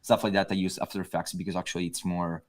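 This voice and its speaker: Italian guy, kinda low voice, lots of "like" fillers, casual panel chat. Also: flat delivery. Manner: halting, full of "like" fillers. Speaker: guest designer. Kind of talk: casual panel chat over a video call.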